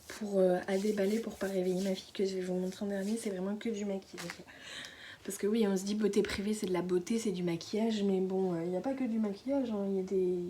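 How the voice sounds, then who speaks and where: A teenage girl talks through her beauty haul in a hushed, chatty way, often sinking to a whisper and stumbling over fillers and restarts. Her pitch sits in an ordinary middle range. A faint background hiss runs under her voice. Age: late teens. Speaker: beauty vlogger. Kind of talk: casual product haul. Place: at home indoors.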